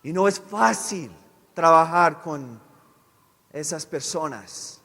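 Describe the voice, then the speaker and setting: A man giving a sermon testimony as a visiting missionary speaker. He speaks haltingly, restarts his words often and keeps checking with the audience. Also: on the high side, vocal fry, fairly bright tone. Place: church sanctuary. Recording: long echo of a large church hall.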